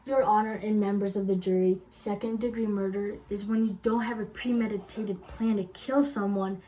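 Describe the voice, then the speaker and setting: A woman's voice: mid-range voice, steady tone, normal speed, dark tone, a little hiss or hum, low-quality recording. A woman gives a courtroom closing argument as a prosecutor, speaking insistently and emphatically, stumbling slightly over some phrases. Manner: insistent, emphatic, repeating key points for persuasion.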